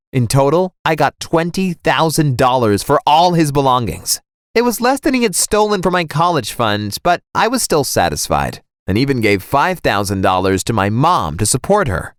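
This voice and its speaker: A young man narrating a first-person animated story in a dramatic, scripted way. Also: mid-range voice, normal speed, no echo, studio quality.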